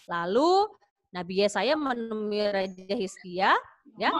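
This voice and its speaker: A woman tells a Bible story to children as a Sunday school teacher, in an animated, casual way. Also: mid-range voice, slow.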